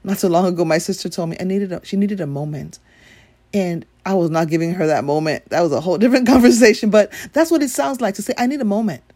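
A woman's voice: fairly low pitch, animated, fast, mellow, no room sound. A woman from Nigeria giving a blunt, emphatic opinion monologue with free swearing.

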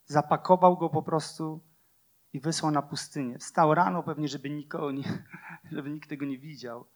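Slightly high in pitch, with fairly even intonation and a moderate pace, a man preaches a passionate sermon. He uses repeated phrases and rhetorical questions, alternating loud declarations with hushed lines.

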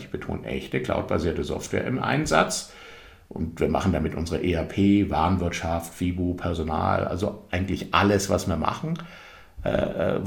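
A German podcast host and software consultant, with a low, creaky voice, gives a casual, conversational explanatory monologue full of fillers. It's recorded in an echoey room.

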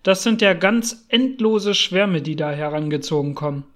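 A man's voice: high-pitched, animated, moderate pace, fairly bright tone. A man voicing a worn-out, rescued male wanderer who speaks with eager, emphatic exclamations. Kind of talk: audiobook character voice.

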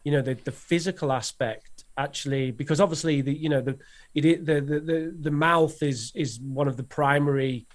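A man's voice: on the high side, normal speed. A man co-hosting a podcast, asking long, meandering questions with many restarts. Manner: rambling, hesitant, many fillers and restarts. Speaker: podcast co-host. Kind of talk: interview questions, casual chat.

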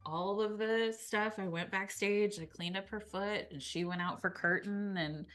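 A woman in her thirties, a guest co-host on a casual podcast, telling a story in an animated way and acting out what people said. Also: mid-range voice, measured pace. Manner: animated storyteller, acts out quotes.

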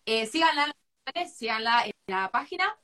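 A woman's voice: fairly high pitch, lively intonation, normal speed, sharp tone. A woman with an Argentine accent hosting a podcast interview, enthusiastic as she wraps up the chat. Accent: Argentine Spanish. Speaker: podcast host.

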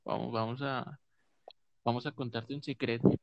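A man's voice: mid-range voice, steady tone, normal speed, creaky, very noisy, natural voice. A man voicing an older girl cousin who coaxes and teases, in a near-everyday voice, on a dull recording. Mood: coaxing. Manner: coaxing, playful. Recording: dull lo-fi sound.

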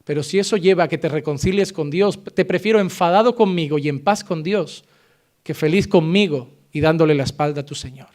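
A pastor giving a sermon, emphatic and insistent, driving points home through repetition. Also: male voice, fairly high pitch, a little fast, darkish tone.

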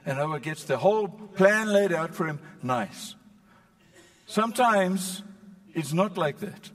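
Male preacher, animated storyteller, higher voice, mic set a little back. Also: takes it slowly, long reverb tail, far from the mic. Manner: animated storytelling with playful asides. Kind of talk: sermon.

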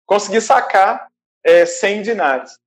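A Brazilian man casually recounting a stressful arrival on a trip, animated and acting out the people he met, laughing now and then. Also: sits high, takes it slowly. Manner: animated, acts out quoted voices, laughs often. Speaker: traveler recounting his trip. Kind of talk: casual storytelling. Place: a small shared house, indoors.

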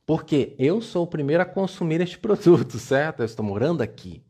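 A man's voice: a little high, expressive, a little fast, mellow, breathy edge. A man, giving a playful, coaxing motivational talk on a live stream and repeating words for emphasis. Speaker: live-stream self-esteem coach.

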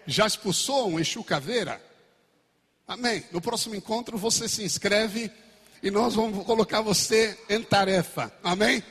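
Brazilian pastor guy, loud then soft, raspy-ish, big long echo. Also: high-pitched, moderate pace. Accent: Brazilian Portuguese. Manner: animated, swings between shouting and quiet asides. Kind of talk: sermon. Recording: echoey church hall.

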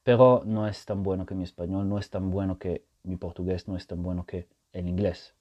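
This podcast host is a man whose low, dark voice has a flat delivery at a moderate pace. Hosting a casual solo show in learned Spanish, he explains his point patiently and regularly checks in with the listener.

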